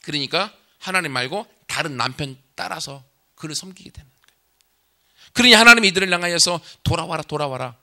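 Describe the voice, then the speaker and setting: Male pastor, sermon delivery, conversational with rhetorical questions, bright forceful tone. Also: sits high.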